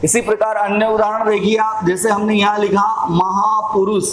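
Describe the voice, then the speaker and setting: A man explains grammar at a slow, unhurried pace, his voice pitched high and held level with little rise or fall. He repeats points patiently and clears his throat from time to time. The room is echoey, with a faint hum of ambient noise behind him. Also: flat delivery. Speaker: Hindi grammar teacher.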